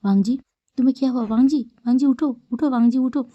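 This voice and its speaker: A woman's voice: a little high, normal speed, mellow, no room sound, muffled recording, lightly acted. A woman voicing a caring older brother who coaxes and teases his sibling in a fan-made story retelling. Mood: worried. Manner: fussing, coaxing.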